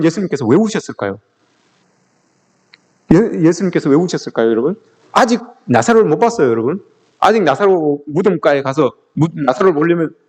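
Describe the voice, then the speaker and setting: A man preaching a sermon as pastor, emphatic and often calling out to the congregation. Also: high voice. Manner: emphatic, repeatedly addressing the congregation.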